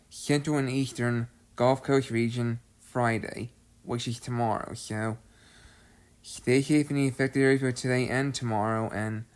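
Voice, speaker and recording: A man's voice: medium pitch, clear, resonant tone. A man hosting his own severe weather update, methodically reading out the risks and regions in a repetitive way, sounding slightly out of breath. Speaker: amateur weather forecaster, channel host.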